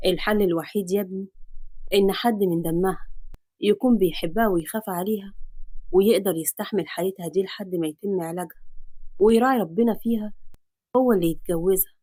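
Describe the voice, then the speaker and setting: A woman's voice: mid-range voice, fast talker, dark tone, no echo, pitched below the performer's own voice, lightly acted. A woman with an Egyptian accent voicing a troubled aging father in a storybook reading, with a heavy, sorrowful delivery. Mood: grave. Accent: Egyptian Arabic.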